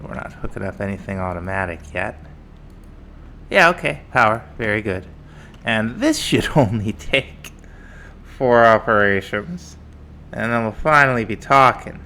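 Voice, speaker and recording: A man casually narrating his modded game as a let's play host, thinking aloud in a relaxed, mumbling way, with faint music behind. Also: fairly low pitch, measured pace. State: morning voice. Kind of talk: casual gameplay commentary.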